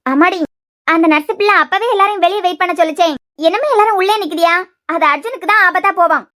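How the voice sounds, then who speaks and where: A woman's voice: extremely high pitch, fast, pushed and bright, no room sound, clean studio sound. A woman voicing a stern mother in a cartoon, giving firm orders in a Kanyakumari Tamil accent. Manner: firm, commanding. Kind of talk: cartoon voice acting.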